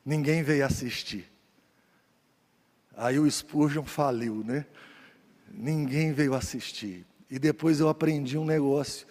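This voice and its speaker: A man, a pastor telling stories in a sermon, moving between loud preaching and quiet asides. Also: mid-range voice, takes it slowly, pauses often, big-room sound. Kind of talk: storytelling sermon.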